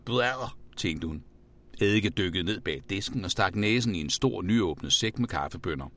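A man reading a children's storybook aloud in a playful, expressive way. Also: low-pitched. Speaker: narrator.

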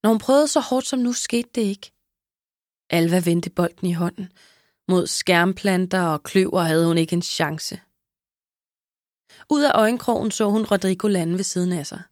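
A woman's voice: on the low side, long pauses, no echo, clean studio sound. Woman narrating a children's story. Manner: lively, expressive storytelling. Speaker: audiobook narrator. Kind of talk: scripted narration.

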